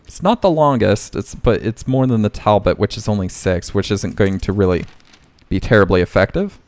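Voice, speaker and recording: A man's voice: fairly low pitch, normal speed, darkish tone. A man hosting a let's play, casually thinking aloud and correcting himself as he plays, with faint game music underneath. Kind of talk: casual gameplay commentary.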